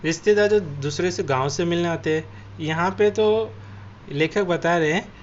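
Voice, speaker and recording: A man's voice: fairly high pitch, moderate pace. A man teacher reads a textbook passage aloud, then explains it line by line and glosses the harder words. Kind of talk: reading and explaining a textbook lesson. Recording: dull lo-fi audio with faint noise.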